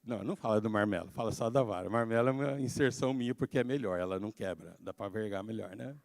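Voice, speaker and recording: A man preaching a sermon as pastor, telling a story in an animated way that swings from soft to shouting. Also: lowish voice, quick pace, creaky. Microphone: handheld microphone.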